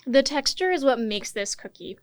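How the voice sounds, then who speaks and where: A woman's voice: sits high, animated, normal speed, no room sound. A woman hosting a casual tasting chat in a bubbly way, talking straight to viewers. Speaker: host.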